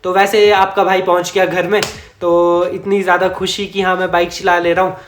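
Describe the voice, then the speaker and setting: Male vlogger, high voice, chatty storyteller who chuckles and corrects himself, echoey room. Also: flat delivery, moderate pace, a bit bright, a little hiss or hum. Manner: chatty, rambling, self-correcting, chuckles often. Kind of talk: casual storytime narration.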